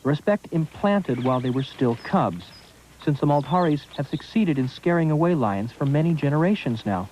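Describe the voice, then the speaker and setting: A man giving scripted wildlife documentary narration in a measured, explanatory way, heard from a worn VHS tape copy. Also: on the high side, animated, darkish tone, dull audio. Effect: worn VHS tape copy with faint hiss.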